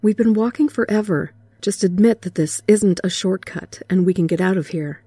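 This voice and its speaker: A woman's voice: mid-range voice, normal speed, dark tone, husky, no echo, close to an everyday voice. A woman voicing an irritable teenage boy who complains and snaps, in a horror story reading. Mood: irritated. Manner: complaining, snappish.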